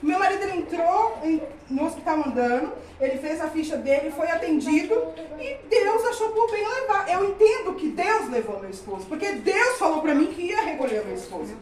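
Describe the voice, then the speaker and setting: A woman's voice: very high-pitched, expressive, normal speed, a little hiss or hum. A middle-aged woman giving a testimony in a church service, telling her story fervently with lots of repetition. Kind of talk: testimony sermon to a congregation. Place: church hall with congregation. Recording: echoey hall from far off with congregation.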